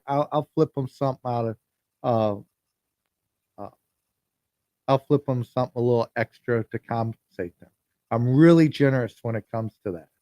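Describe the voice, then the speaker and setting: Talking into his phone during a solo podcast livestream, a man rambles casually, restarting and repeating lines as he goes. His mid-range voice is a little mellow. The audio is dry and of studio quality.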